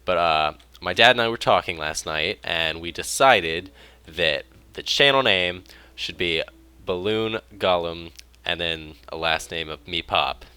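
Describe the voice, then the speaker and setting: A young man rambling through casual let's play commentary, chatty and excitable. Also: low-pitched, a little slow, clean tone, no echo. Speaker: gaming YouTuber.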